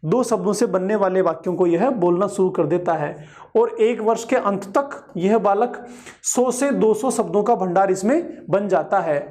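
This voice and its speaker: A man's voice: high voice, normal speed, a little mellow. A male teacher giving an exam-prep lecture, explaining each point and repeating it with everyday examples.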